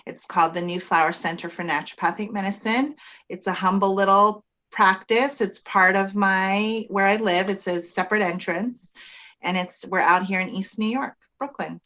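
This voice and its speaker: A woman naturopathic physician explaining her field in a measured way with frequent ums, speaking from her office. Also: medium pitch, steady tone, sharp tone, lo-fi sound. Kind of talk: explanatory interview talk.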